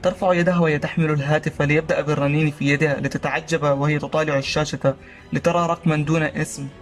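A man narrating a story in a steady, reading style. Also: fairly high pitch. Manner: rapid, even reading.

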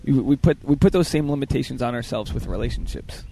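A man with a smoky, raspy voice hosting a casual interview, rambling and joking at his own expense, recorded outdoors in a park. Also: mid-range voice, expressive, fast talker, mellow, a little hiss or hum. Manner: rambling, self-deprecating, jokey. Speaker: podcast host.

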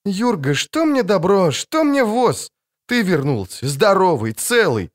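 Male narrator as an anxious village wife: raised pitch, pleading, emotional. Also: sing-song, a little slow. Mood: overjoyed. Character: anxious loving middle-aged village wife.

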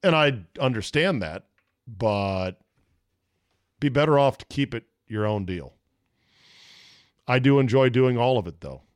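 A podcast and sports radio host in his fifties talks freewheelingly on his own, laid-back as he reads listener emails aloud. His medium-pitched voice is expressive and a little slow, with frequent pauses, captured in clean studio sound with no room sound.

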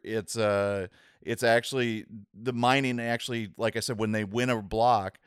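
A man explaining a technical subject in a casual interview, talking in halting bursts with many restarts and "right?" checks. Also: mid-range voice, fairly bright tone, clean tone, dry recording, clean studio sound. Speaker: guest explaining Bitcoin.

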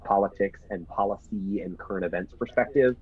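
A man's voice: on the low side, a little fast, dull audio. A man talking as a podcast guest in casual, upbeat, reflective conversation.

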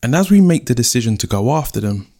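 A man telling a folktale, then reflecting on it, in a slow and deliberate delivery. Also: medium pitch, sing-song, dark tone. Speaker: storyteller. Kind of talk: storytelling narration and reflection.

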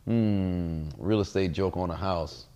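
Male podcast co-host, fairly low voice, chatting casually and conversationally. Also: slow pace, warm tone, smooth. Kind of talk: casual chat.

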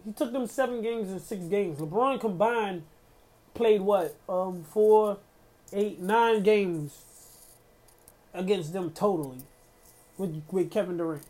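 A man's voice: high-pitched, takes it slowly, pauses often, mellow. A man hosting a casual solo podcast, ranting in a heated, profane way with lots of slang and fillers. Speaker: podcast host.

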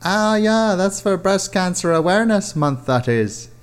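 A man voicing a sweet, syrupy young woman who coos her lines slowly. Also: medium pitch, animated, clear, resonant tone, pitched above the performer's own voice, lightly acted. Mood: sugary.

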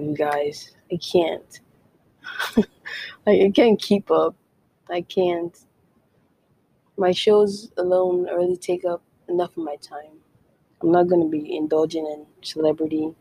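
A young Nigerian woman hosts her own podcast, chatting casually on her own with lots of "like"s and playful whispered asides. Her voice is low, mellow and a bit breathy, and the recording quality is poor.

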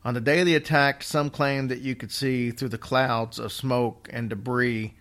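A man's voice: medium pitch, little pitch movement, moderate pace, fairly bright tone. Guy podcast host chatting and telling stories, jokey, bit of slur like half his mouth is numb. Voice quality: occasional lip smack, whistle and slight slur from half-paralyzed mouth. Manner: joking, wry. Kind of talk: casual storytelling banter.

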